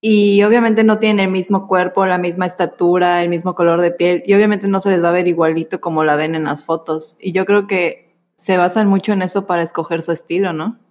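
A woman's voice: lowish voice, steady tone, fairly quick, a little mellow. A woman chatting casually on a podcast, agreeable and adding to the points.

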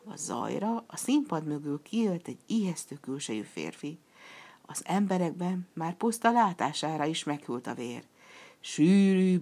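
A woman narrates a children's tale in a steady, expressive reading. Her voice is low and even. She paces the story calmly between the characters' lines.

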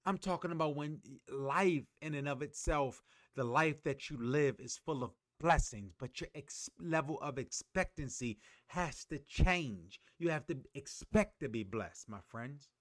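A man hosts a motivational podcast monologue, preaching emphatically and calling on listeners to repeat after him. His voice is a little high, a little slow, and a bit bright, recorded in studio quality with no room sound.

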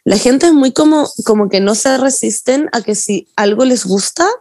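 A young Chilean woman tells stories in lively casual chat, acting out each quote as she goes. Her voice sits a little high and sounds dry and close. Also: normal speed, no room sound. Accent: Chilean Spanish. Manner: animated storytelling, acting out quotes. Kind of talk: casual chat among friends.

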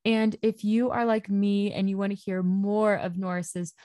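A woman's voice: medium pitch, steady tone, a little slow, dark tone, no echo, studio quality. A woman hosting a podcast, delivering the closing outro in an enthusiastic, grateful way. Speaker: podcast host. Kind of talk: scripted show outro.

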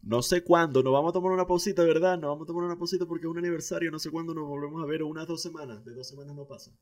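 A young adult man with a Venezuelan Spanish accent, co-hosting a podcast in a relaxed, slangy, rambling chat. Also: a little high, rapid-fire. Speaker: podcast co-host. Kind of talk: casual chat.

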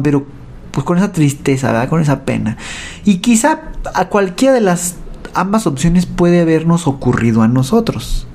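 A man with a Mexican accent gives a personal faith testimony, halting, repeating words and often tagging his sentences with a question. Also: fairly high pitch, darkish tone.

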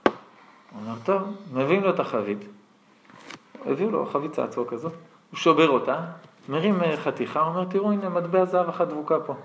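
Animated rabbi telling stories, higher voice. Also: male voice, long pauses, a little hiss or hum. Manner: lively storyteller acting out the voices in his tales. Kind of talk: storytelling lesson to an audience.

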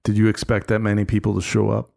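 A man interviewing a protest organizer, asking questions in a slow, halting way as he searches for words. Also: on the low side, monotone, vocal fry, darkish tone.

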